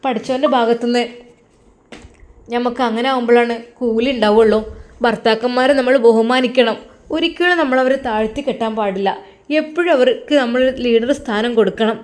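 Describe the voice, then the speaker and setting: Storybook mother, quick and preachy, fairly high voice, voiced by a woman. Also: natural voice. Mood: earnest advising. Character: elderly rural mother giving earnest advice.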